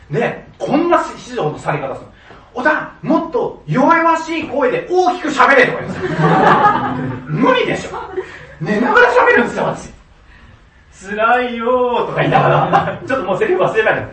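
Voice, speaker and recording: Male storyteller, high and very lively, laughs a lot, acts out quotes; off-mic, roomy echo. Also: recorded from a distance. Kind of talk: storytelling monologue. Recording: echoey room, voice a bit off-mic, faint background noise.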